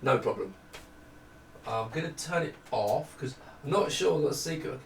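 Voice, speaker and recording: This middle-aged man chats unscripted while demonstrating old computer hardware, wandering off topic and joking at his own expense at a desk in a small room. His mid-range, gravelly voice has lively intonation and a measured pace. Audio comes from a distant camera microphone, roomy with slight hiss or hum.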